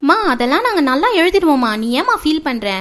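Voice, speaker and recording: A woman's voice: sits high, very animated, quick pace, a bit bright. A woman playing a cheeky college-age daughter who argues back at her mother in a homemade family skit. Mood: arguing. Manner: argumentative, pleading back.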